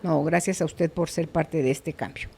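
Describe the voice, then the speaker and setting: A woman's voice: low-pitched, fairly even intonation, normal speed, vocal fry, dark tone, a little hiss or hum. Chatty woman hosting a radio talk show. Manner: chatty, reads listener messages aloud. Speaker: radio podcast host. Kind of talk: casual on-air interview hosting.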